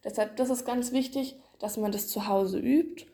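On a casual instructional podcast, a woman explains swimming exercises for children, using playful images and plenty of fillers. Her voice is mellow and on the high side, at a normal pace.

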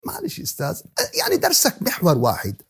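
A young male student making excuses in a classroom skit, his voice pitched high and lively as he pleads his case, as a lecturer puts him on. He talks quickly in a rough, husky tone. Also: heavily acted. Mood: pleading.

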